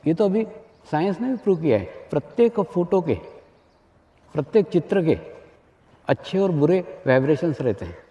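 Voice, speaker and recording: A man's voice: fairly high pitch, sing-song, moderate pace, pauses often, mellow. A man, a spiritual teacher, giving a discourse to an audience, repeating his phrases and asking rhetorical questions. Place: large hall with an audience. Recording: echoey hall, dull lo-fi archive recording.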